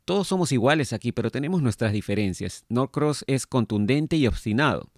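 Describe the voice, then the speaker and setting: A vain, jovial painter spirit, as a man reads him aloud, breezy and teasing in his replies. His voice sits at an ordinary middle pitch but rides a little higher here, and the recording is close and dry with no room sound. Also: expressive, brisk, darkish tone, no room sound, lightly acted. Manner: teasing and breezy, with a playful lift. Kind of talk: read-aloud book dialogue.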